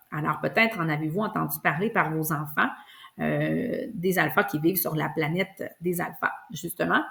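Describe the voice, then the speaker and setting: A woman's voice: lowish voice, gravelly, a bit bright. A woman preschool teacher, patiently explaining to parents and stretching out sounds in words to demonstrate them. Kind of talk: instructional video for parents.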